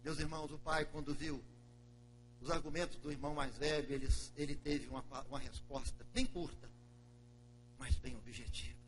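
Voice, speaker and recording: A pastor preaching in a church, telling the story dramatically in a notably high voice. A faint hum sits beneath the recording. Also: male voice, steady tone, moderate pace, poor audio. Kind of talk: sermon.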